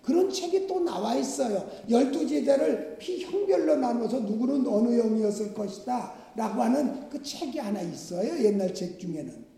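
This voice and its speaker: A male pastor preaches in a very high, lively voice, his pitch rising and falling as he asks his listeners question after question. His tone is dark and mellow, with a gravelly edge. The sound carries the long, booming reverb of a church hall. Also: normal speed, few pauses. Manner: conversational preaching with rhetorical questions. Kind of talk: sermon.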